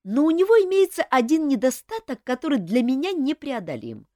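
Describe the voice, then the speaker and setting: Excitable emotional young woman, a reader doing her, high and bouncy pitch, dry sound. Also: fairly quick, no room sound. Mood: flustered.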